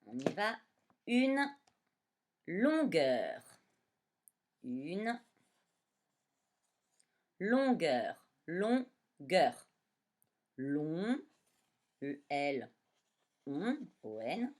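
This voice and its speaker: A woman teaching a dictation lesson to young children, sounding out words syllable by syllable. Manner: slow, syllable-by-syllable spelling with lively pitch. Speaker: primary school teacher.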